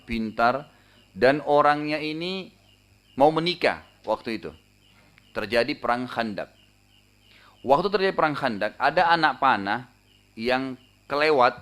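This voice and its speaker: A male preacher tells a story in his sermon, talking quickly and briskly at a medium pitch. He keeps it lively, tags his lines with casual fillers and raises his voice when the story calls for shouts. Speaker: Islamic preacher.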